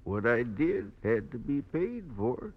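An actor playing a very old, frail and gentle male prisoner in a radio drama, with halting, repetitive speech. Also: medium pitch, sing-song, full character voice. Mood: weary, resigned. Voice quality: creaky very old man's voice. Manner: halting, repeats his words. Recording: dull old radio recording.

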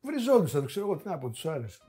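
A man who is a podcast guest, telling stories in a casual, animated way with frequent asides. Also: a little high, husky, faint music behind. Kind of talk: casual storytelling interview.

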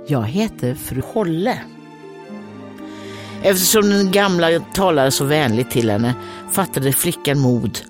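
Swedish comedienne, animated read-aloud of a fairy tale with wry asides. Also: female voice, extremely low pitch. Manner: reads aloud, breaks off for joking asides. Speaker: comedian and host.

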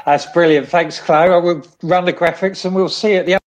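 A co-host with a medium-pitched voice in relaxed conversation. The questions come casually, with an offhand and slightly halting delivery. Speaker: podcast co-host. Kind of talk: casual chat, asking quick-fire questions.

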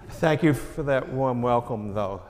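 An older man from Long Island, New York, with a New York accent, speaks at medium pitch and an unhurried pace as a guest minister. His informal introduction in a church sanctuary rambles, pokes fun at himself, and is packed with fillers. The recording carries the long reverb of a church hall plus a little hiss or hum.

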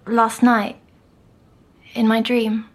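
A woman, softly recounting a dream as a patient in an audio drama. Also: fairly high pitch, completely flat delivery, poor audio. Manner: soft, slow, dreamy recounting.

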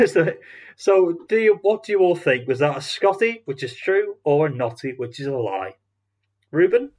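Halting man telling a story. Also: a little high, very animated, darkish tone. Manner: halting, many restarts and fillers. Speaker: podcast host. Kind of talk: casual storytelling chat.

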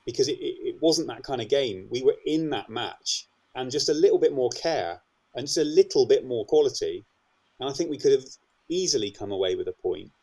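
A man on a football podcast panel, talking in an exasperated, halting way with many restarts. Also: mid-range voice, lively intonation, darkish tone. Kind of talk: casual football podcast chat.

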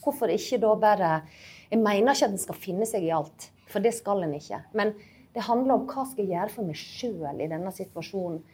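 A woman's voice: medium pitch, expressive, dark tone, husky. A woman co-hosting a podcast, giving earnest, encouraging advice in a casual chat. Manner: earnest and encouraging, explains firmly. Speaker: podcast co-host.

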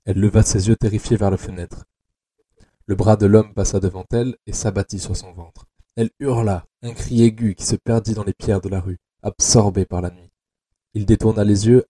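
A man narrating an audio adaptation of a dark novel in a slow, measured, tense way. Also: on the low side, steady tone, slightly rough.

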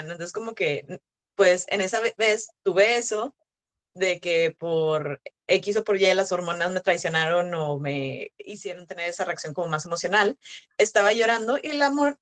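A woman's voice: medium pitch, normal speed. A woman with a Mexican accent, a sex educator talking as a podcast guest, telling stories casually with lots of slang and fillers. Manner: chatty storytelling full of slang and fillers. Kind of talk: casual chat.

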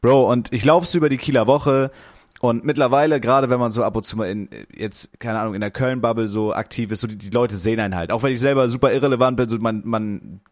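A man's voice: medium pitch, fairly even intonation, quick pace. A young man co-hosts a casual podcast, tossing out crude slang and jokes in a mid-range voice. He talks loosely and freely, the way friends talk. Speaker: podcast co-host.

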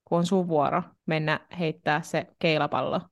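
Woman, podcast co-host, playful casual chat, slightly low voice, mixes in English phrases. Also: steady tone. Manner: playful, drops English phrases into her talk.

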